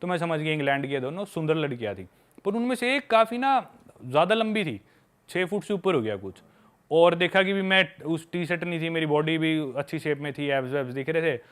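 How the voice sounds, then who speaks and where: Smooth-voiced young man telling travel stories. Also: on the high side, lively intonation, brisk, a bit bright. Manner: candid storytelling, calls listeners "bhai". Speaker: podcast guest sharing travel stories. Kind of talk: casual podcast chat.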